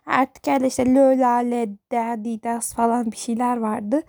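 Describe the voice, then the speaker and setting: A teenage girl with a high, mellow voice vents to the camera in a casual, rambling monologue. She sounds fed up and exasperated, and her words tumble out in loose asides. The sound is dry and close, with no room around it. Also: little pitch movement, measured pace, gravelly, no room sound. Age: teens. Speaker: high school student.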